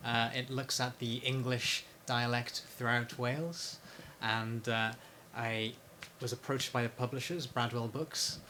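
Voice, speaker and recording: A man in a casual interview, talking about his research and book in a hesitant way, with many pauses and restarts. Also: mid-range voice, little pitch movement, bright, forceful tone, slight background noise. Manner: hesitant, lots of fillers and restarts. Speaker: interviewee, PhD researcher and author.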